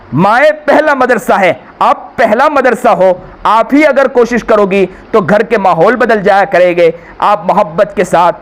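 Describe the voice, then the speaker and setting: A man with an Indian Urdu accent, preaching earnestly to women and pleading with them. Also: high-pitched. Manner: earnest, pleading, repeats phrases. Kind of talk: religious talk to women.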